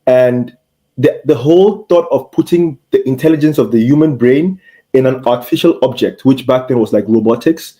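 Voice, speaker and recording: A young medical doctor from Cameroon, appearing as a guest in a casual interview, tells his story in an earnest, reflective manner. He has a mellow, mid-range voice and speaks at normal speed.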